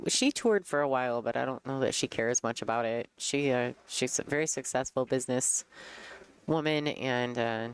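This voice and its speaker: A woman giving casual commentary on a pool match, chatty and quick to laugh as she tells stories. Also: a bass voice, smooth. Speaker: color commentator. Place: pool hall commentary booth.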